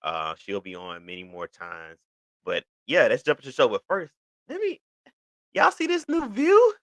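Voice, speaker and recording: A man's voice: medium pitch, sing-song, moderate pace, fairly bright tone, dry recording, low-quality recording. A man of thirty hosting his own show, talking casually to camera and rambling with lots of "you know" fillers and restarts. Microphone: video recording for an online channel.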